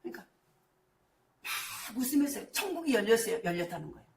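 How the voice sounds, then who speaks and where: A high-pitched middle-aged woman pastor delivers an impassioned sermon, dropping to near-whispers and then rising to shouts. Her voice rings through a reverberant church hall. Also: big pitch swings, a little fast, vocal fry. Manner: impassioned preaching, swinging from hushed storytelling to shouted declarations. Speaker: senior pastor. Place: church sanctuary.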